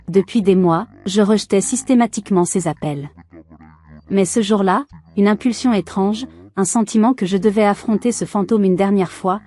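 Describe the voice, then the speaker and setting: Calm woman narrating a dramatic story. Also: medium pitch, dry recording. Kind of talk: scripted first-person story narration.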